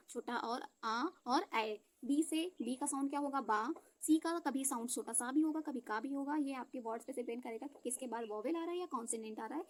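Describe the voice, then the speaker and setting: High-voiced woman teaching phonics. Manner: patient, asks the class questions and answers them herself; sounds out letters slowly and deliberately. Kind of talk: phonics lesson for Hindi speakers.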